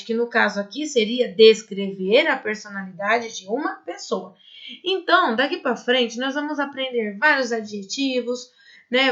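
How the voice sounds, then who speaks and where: A Brazilian woman, native in Portuguese, gives a recorded Spanish lesson. Her voice sits fairly high, and she explains step by step, checking with her students as she goes. The sound is dull and lo-fi, like a home recording. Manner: explains patiently, often checks with "né?" and "tá?". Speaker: Spanish teacher. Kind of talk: recorded online class.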